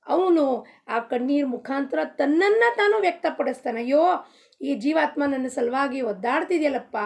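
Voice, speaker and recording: High-voiced woman giving a devotional talk. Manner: asks rhetorical questions and answers them herself. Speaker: spiritual teacher. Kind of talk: devotional discourse in Kannada with sung Marathi abhang.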